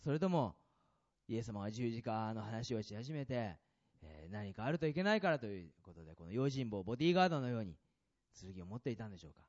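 A man preaching a sermon as a pastor, asking the congregation questions and swinging between loud and soft passages. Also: fairly low pitch, sing-song, fast, lo-fi sound.

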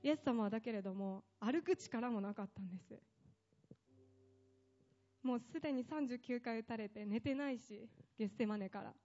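A woman's voice: on the high side, moderate pace, mellow, dull audio. A woman preaching a sermon with impassioned delivery, building up long emphatic lists.

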